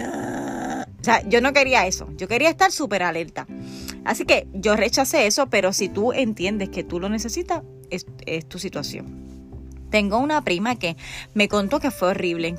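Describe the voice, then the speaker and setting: A woman in her thirties with a Puerto Rican accent, hosting a podcast in a candid, chatty way that speaks straight to the listener. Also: mid-range voice. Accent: Puerto Rican Spanish. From Puerto Rico. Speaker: podcast host. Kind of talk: casual podcast chat.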